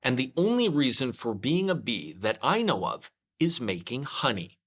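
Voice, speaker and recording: A man's voice: medium pitch, big pitch swings, normal speed, fairly bright tone. A man voicing a simple, ponderous, honey-loving storybook bear who muses earnestly and repeats himself. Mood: musing.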